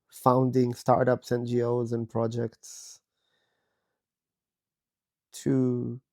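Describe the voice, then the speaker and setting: Illness has left this Israeli-born podcast host in his 30s raspy and hoarse, though his timbre stays low and warm. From his bed in the bedroom, he gives an unhurried, candid, reflective monologue, slow and thoughtful with plenty of pauses.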